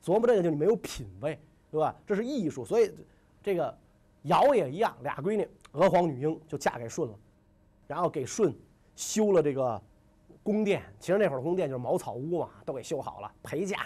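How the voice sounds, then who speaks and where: A male storyteller, retelling old legends in a joking, conversational way. His voice sits high and leaps around, bouncing between asides to the listener. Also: lively intonation, brisk, mellow, breathy edge. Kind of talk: comic history storytelling.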